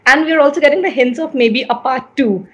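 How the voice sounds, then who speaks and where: Over a video call from an indoor room, a young woman hosts an entertainment interview, asking chatty, enthusiastic questions in a high, brisk voice. Her laptop camera's microphone captures slight background noise.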